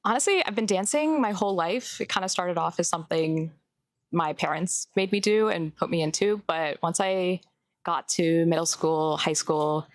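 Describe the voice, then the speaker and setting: A woman with a lowish voice answers openly and thoughtfully. The sound is dry and near the mic. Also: normal speed, no echo. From Massachusetts. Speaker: dancer. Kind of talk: casual interview answers.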